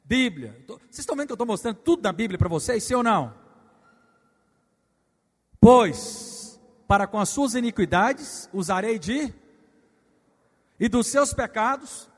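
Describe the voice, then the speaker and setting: A high-voiced pastor delivers a sermon, leading his congregation in call-and-response at a moderate, expressive pace with long pauses. He shifts between quiet asides and sudden shouts, and a long hall reverb rings around his voice.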